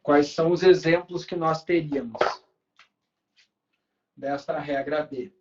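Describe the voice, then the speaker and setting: A Brazilian teacher with a fairly high voice, walking students through a grammar rule at the board. He stretches out key words and keeps checking in with the class. The recording sounds dull and lo-fi. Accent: Brazilian Portuguese. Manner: slow, drawn-out emphasis on key words, checks in with students often.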